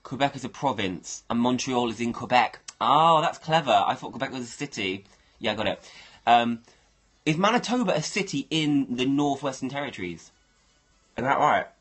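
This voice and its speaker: A man's voice: medium pitch, expressive, moderate pace, a bit bright, breathy edge, faint music behind. A man hosting a casual livestream, rambling and thinking aloud as he talks to his viewers. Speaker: livestream host.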